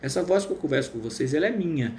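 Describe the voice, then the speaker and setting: A man talks casually to his live stream viewers in a slightly high voice that has been trained to sound smooth. He is chatty and full of fillers, and a clear hum of noise sits under him. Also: lively intonation, rapid-fire, darkish tone. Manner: chatty, reads viewer comments aloud with many fillers. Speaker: live stream host, therapist.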